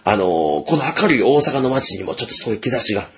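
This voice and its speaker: A man with an Osaka accent hosting a casual chat, rambling through stories in animated Kansai banter. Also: on the low side, fast. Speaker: podcast host. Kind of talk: casual radio-style chat.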